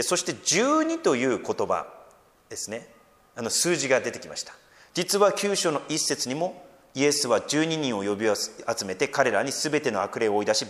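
Animated preaching man in a reverberant hall. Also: medium pitch. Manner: animated preaching, raising his voice for quoted words; gentle joking asides. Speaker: pastor. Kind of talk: sermon.

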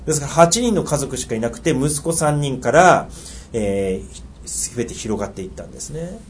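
A middle-aged man with a Tohoku accent preaching a sermon, earnest, asking rhetorical questions and dropping into soft asides. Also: medium pitch, expressive, moderate pace, slight background noise. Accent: Tohoku dialect. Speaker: pastor.

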